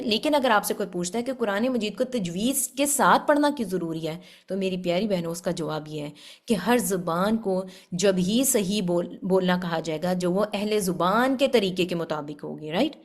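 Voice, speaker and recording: A woman giving a religious lesson on Quran recitation, explaining patiently and often checking with her listeners. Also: mid-range voice. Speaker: Quran tajweed teacher.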